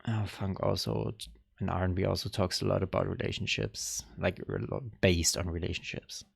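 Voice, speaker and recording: Young man, low gravelly voice, rambling reaction chat, dry close sound. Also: flat delivery, normal speed, dry recording. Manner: rambling, hesitant, thinking aloud. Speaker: music reaction vlogger. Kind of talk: casual reaction commentary.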